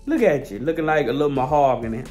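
A man's voice: fairly high pitch, normal speed, soft background music. Playful man cooing at a baby. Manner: playful baby talk to an infant, then a direct address to viewers. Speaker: vlog host. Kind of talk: casual family vlog chat. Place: at home.

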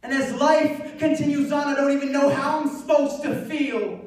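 A young man delivers a rhyming spoken word poem with rhythmic, urgent emphasis, his voice sitting fairly high. He stands at a mic on a large theater stage. The sound is picked up from far back, with a boomy hall echo around him. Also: fairly even intonation, normal speed, a little mellow. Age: young adult. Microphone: stand mic, filmed from far back.

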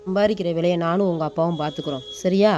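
A woman's voice: on the low side, very fast, warm tone, faint music behind, natural voice. An actress playing a practical, anxious mother who scolds her daughters and steadies her husband. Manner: scolding, then steadying and supportive.

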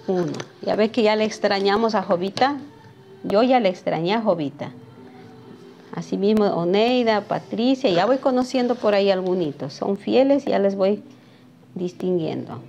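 A female sewing teacher with a gravelly, dark, mid-range voice runs a chatty live lesson, drafting a pattern at a cutting table in her workshop. She addresses viewers by name and frequently checks in with "¿sí?" The audio is dull, with slight background noise.

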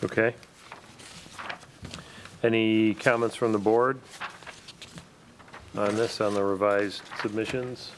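A man with a lowish voice chairs a town planning board meeting, steering talk in a relaxed, casual manner with lots of "uh"s. The recording comes over a video call with faint background noise. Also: slow pace, long pauses. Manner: relaxed, filler-heavy chairing.

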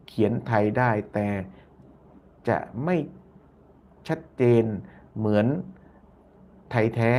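A man's voice: mid-range voice, a little mellow, slight background noise. Repetitive, chatty man on a live stream. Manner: repeats phrases, ends lines with polite particles; reads viewer comments aloud. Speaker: YouTube channel host. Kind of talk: casual live-stream commentary.

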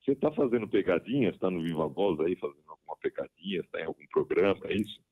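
A man's voice: sits low, expressive, rapid-fire, breathy edge, narrow, tinny audio. A man in his fifties talking over the phone, blunt and swearing freely as he refuses. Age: 50s. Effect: heard over the phone. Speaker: prank call target. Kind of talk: casual phone chat.

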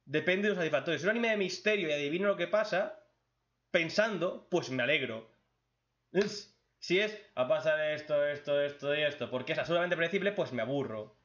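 A blunt, joking man from reads out viewer questions and answers them with crude humor in a casual chat. His voice sits a little high for a man. The recording is dull and lo-fi. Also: expressive, fairly quick, fairly bright tone.

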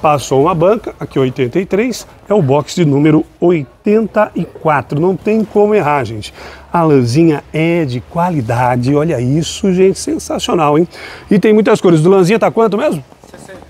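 A man's voice: on the high side, expressive, moderate pace, darkish tone, breathy edge. Chatty man vlogging a street market. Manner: upbeat, chatty, keeps addressing viewers as "gente". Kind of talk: walking market vlog with vendor chat. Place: outdoor night street market, busy city street. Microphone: handheld phone camera.

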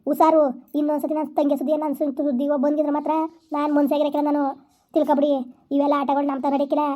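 A woman's voice: high voice, completely flat delivery, dark tone, natural voice. A woman playing an indignant young elder sister who scolds her stepmother in a village family skit. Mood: scolding. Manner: scolding, indignant, rapid-fire.

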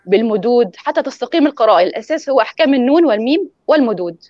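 A woman's voice: on the high side, expressive, racing, no room sound, highs cut off. A woman teaching in an online lecture, explaining pronunciation rules and demonstrating examples over a call. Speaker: guest lecturer on Quran recitation.

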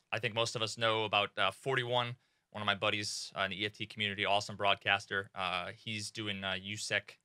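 Sitting at a desk mic in his small home streaming room, a young male streamer casually chats about gaming gear, excitable, cursing freely and saying "uh" a lot. His voice is rather low yet bright and sharp. The audio is close, dry and clean, with no room sound.

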